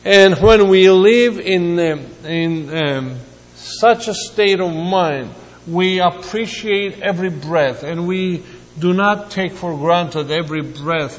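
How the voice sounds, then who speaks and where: A man in his seventies from Greece, giving a halting, reflective sermon with personal asides. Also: on the high side, in a large hall. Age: 70s. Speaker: preacher.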